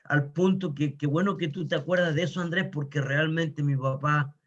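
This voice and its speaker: Earnest Chilean man, slightly high voice. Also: fairly even intonation, normal speed, fairly bright tone. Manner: earnest, emphatic, repeats words for stress. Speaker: guest sharing personal testimony. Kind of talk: casual chat. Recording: dull lo-fi recording.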